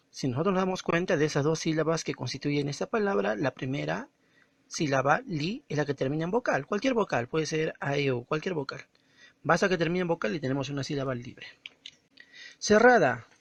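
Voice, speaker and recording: A male teacher talks through a recorded lesson in a patient, didactic way, drawing out words and stressing each syllable. His voice sits a little high for a man. The sound is dry and close, with no room echo. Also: creaky.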